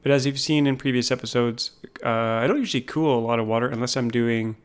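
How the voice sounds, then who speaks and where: A man casually talking through a game base, thinking aloud with frequent pauses. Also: mid-range voice, smooth. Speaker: gaming YouTuber. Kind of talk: casual gameplay commentary.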